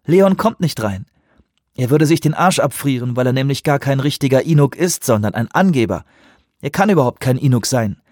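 A man's voice: mid-range voice, animated, brisk, a little mellow, dry recording, studio quality, pitched above the performer's own voice, close to an everyday voice. A man reading an audiobook, voicing a cheeky young woman who teases her colleague. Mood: teasing. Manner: teasing, brash. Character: young woman dolphin researcher, teasing and cheeky.

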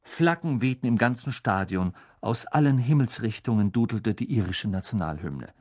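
A man narrating an audiobook in a lively, expressive reading style. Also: lowish voice, moderate pace. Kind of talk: scripted narration.

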